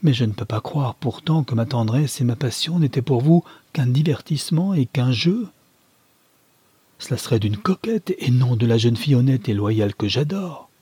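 An impassioned young lover, read by a man pleads with feverish ardor in a dark, husky voice. The audiobook recording is dry, with no room sound. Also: medium pitch, animated, moderate pace, no room sound. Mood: wounded. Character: young man desperately in love, pleading and wounded.

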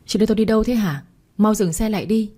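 A woman's voice: medium pitch, quick pace, warm tone, voice pushed up, lightly acted. Woman reading as a frightened, pleading young bride-to-be. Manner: urgent, pleading.

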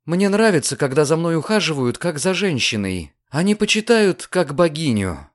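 A man reading an audiobook, voicing an earnest young woman with a raised, lively voice. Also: normal speed. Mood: wistful. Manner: raised pitch, lively pleading delivery. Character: earnest young woman, daughter seeking her father's killer.

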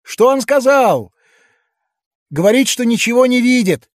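Man doing a jeering excited crowd. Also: extremely high pitch, a little slow, no echo, clean studio sound, pitched above the performer's own voice.

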